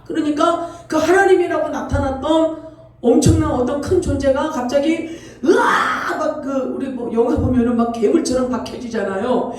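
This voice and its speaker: A woman pastor preaching a sermon, telling a story with animated delivery and often putting questions to the congregation. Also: sits high. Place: church sanctuary. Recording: echoey church hall, distant mic.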